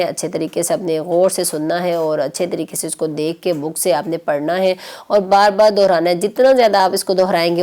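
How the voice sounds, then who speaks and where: A woman's voice: fairly low pitch, a little mellow. Patient woman teaching children Quran reading. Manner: patient, repeats points for children. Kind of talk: children's TV lesson.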